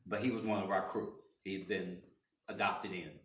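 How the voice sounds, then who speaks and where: Man, 60s, low voice, rambling storyteller, lots of restarts, echoey room, distant mic. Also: steady tone, moderate pace. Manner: rambling, with many restarts and fillers. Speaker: interviewee, parishioner. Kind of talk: casual interview storytelling. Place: church room.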